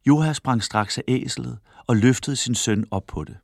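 A man reading a children's story aloud in an expressive way, close to the microphone. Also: medium pitch, gravelly, no echo. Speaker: storybook reader.

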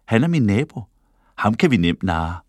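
A man's voice: on the low side, big pitch swings, dry recording, clean studio sound. A man voicing a cocky, boastful young man in a children's storybook reading, raised and eager. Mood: scheming.

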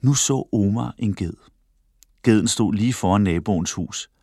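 Gravelly man reading a children's story. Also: on the low side, mellow, no room sound, clean studio sound. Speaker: reader. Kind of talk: children's story read aloud.

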